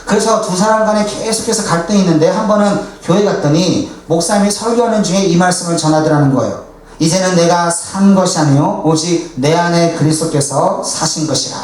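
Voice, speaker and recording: Male pastor, high voice, earnest storytelling sermon, recorded far off in a reverberant sanctuary. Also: a little fast, darkish tone. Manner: earnest preaching, acts out quoted dialogue. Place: church sanctuary. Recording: echoey church hall, distant, faint hiss.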